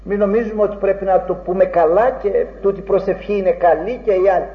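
High-voiced man preaching in an echoey room. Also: fairly even intonation. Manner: earnest, rhetorical preaching with old-fashioned phrasing. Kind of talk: sermon. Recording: dull, echoey room recording.

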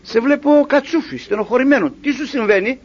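A kindly, concerned master with a high, lively voice, as a preacher puts him on. He asks question after question. The recording sounds dull and lo-fi. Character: kindly master, a grown man who buys a slave.

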